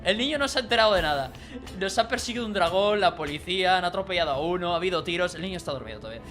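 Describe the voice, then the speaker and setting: A streamer, casually recounting a dream in an animated, rambling way with quiet asides. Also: medium pitch, racing, faint music behind.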